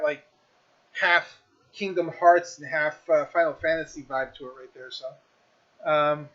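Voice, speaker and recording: A man's voice: on the high side, a bit bright, dull audio. A man casually reviewing a video game on his stream, rambling with lots of fillers and restarts.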